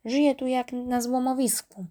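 A woman's voice: sits high, level tone, normal speed, mellow, slight background noise, close to an everyday voice. Woman voicing a grumbling old male car. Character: fussy old male car, tidy-minded.

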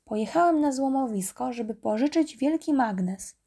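A woman's voice: high-pitched, animated, normal speed, warm tone, slightly rough, heavily acted. A woman voicing a clever male tow truck in a children's storybook, teasing and matter-of-fact.

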